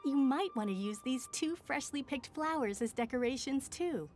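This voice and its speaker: A gracious young shopkeeper. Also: female voice, high voice, lively intonation, moderate pace, loud music behind the voice. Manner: polite, gentle. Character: young female shop owner, gracious and grateful. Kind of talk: game cutscene voice acting.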